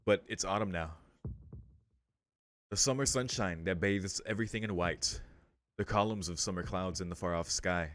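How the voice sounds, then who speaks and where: The recording is clean studio sound with no room ambience, capturing a man's low voice. As let's play host, he reads visual novel text aloud, interrupting himself with laid-back, slangy asides and occasional cursing.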